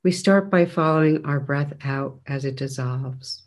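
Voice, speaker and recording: A man leading a guided breath meditation as a teacher, speaking gently in measured phrases with long pauses between them. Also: on the high side.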